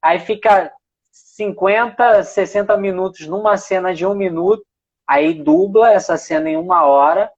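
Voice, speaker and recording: A man hosting a live chat, speaking in a relaxed, conversational way. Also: high voice, measured pace, slightly rough, dry recording, dull audio. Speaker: host.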